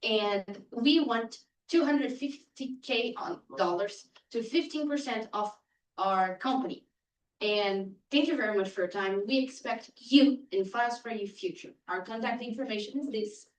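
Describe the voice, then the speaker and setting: A woman presenting a startup pitch and answering audience questions in a lively, teasing way. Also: normal speed. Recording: echoey room, distant mic.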